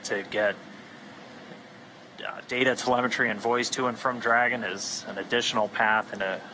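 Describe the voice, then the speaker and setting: A man explains events in live launch commentary. His voice sits at an average pitch, his phrasing halting but informative, and there is clear background noise. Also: fairly even intonation, pushed and bright, low-quality recording.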